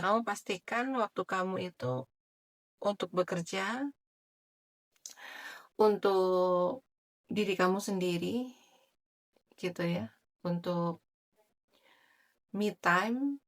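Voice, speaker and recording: Low-voiced woman reading tarot. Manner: soft, chatty, with many filler tags and light laughs. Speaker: tarot reader. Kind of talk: general tarot reading monologue.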